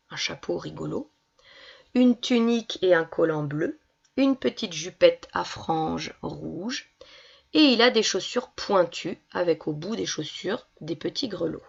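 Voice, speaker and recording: A woman's voice: on the low side, lively intonation, unhurried, gravelly, husky. A woman primary school teacher giving a reading lesson to young children, patiently sounding out syllables. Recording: dull lo-fi recording.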